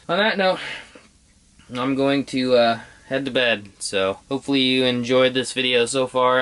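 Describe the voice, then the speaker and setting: Low-voiced, laid-back young man vlogging. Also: fairly bright tone. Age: young adult. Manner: laid-back, unhurried, mildly profane. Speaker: ice fishing vlogger. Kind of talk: casual vlog chat. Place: small ice fishing shelter and outdoors on a frozen lake at night.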